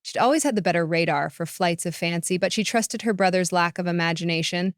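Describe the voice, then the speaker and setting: A woman reads a short story aloud in a measured, even way. Her voice is lowish, smooth and clear. The sound is dry and close, with no room in it. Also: no room sound. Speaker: narrator. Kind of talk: scripted narration of a short story.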